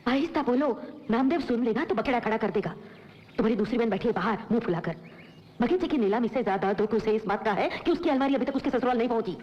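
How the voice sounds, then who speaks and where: A woman's voice: fairly high pitch, lively intonation, fast talker, a little mellow, natural voice. An actress playing an anxious village mother, soothing and worried as she talks to her children. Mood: hushed. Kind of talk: Hindi film acting. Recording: slightly muffled film soundtrack.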